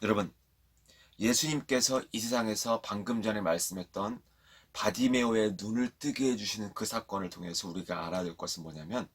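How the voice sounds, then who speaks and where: Husky-voiced man preaching to children. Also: lowish voice, a little fast. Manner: lively storytelling, asks the children questions. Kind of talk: sermon to children. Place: church, recorded for an online service.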